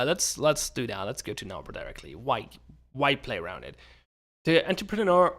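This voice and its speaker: A man's voice: fairly high pitch, fairly bright tone. A man hosting a gaming channel, reading story text aloud and breaking off into casual, wry commentary. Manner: conversational, self-interrupting, wry asides.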